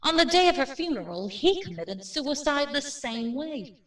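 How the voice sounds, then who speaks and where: A woman playing a brisk, matter-of-fact real estate agent in a radio drama, plain-spoken and without superstition. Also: high-pitched, lively intonation, a bit bright, recorded from a distance. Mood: matter-of-fact, grim. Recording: roomy, off-mic drama recording.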